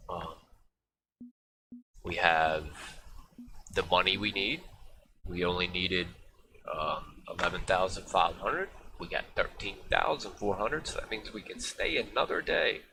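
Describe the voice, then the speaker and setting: A man's voice: sits low, measured pace, vocal fry, long pauses. A man streaming a fishing game, rambling and thinking aloud with lots of fillers as he chats to viewers. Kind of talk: casual live-stream gameplay commentary. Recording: steady background noise.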